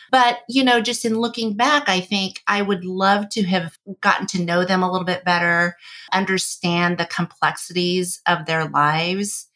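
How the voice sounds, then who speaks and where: A middle-aged woman from Indonesia, a podcast guest talking in an animated, chatty way and laughing easily. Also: on the low side. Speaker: podcast guest, architecture firm executive. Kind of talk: conversational interview.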